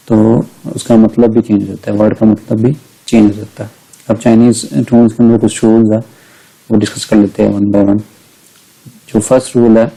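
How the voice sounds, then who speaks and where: Man, middle-aged, flat even delivery, patient lecture pace, models sounds slowly. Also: lowish voice, poor audio. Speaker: language teacher. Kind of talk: recorded slide lecture.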